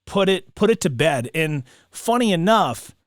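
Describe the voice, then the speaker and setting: Slightly high-voiced man in casual, slangy chat. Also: measured pace, dry recording, studio quality. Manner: slangy, excitable storyteller with repeated words. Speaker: podcast co-host; broadcaster.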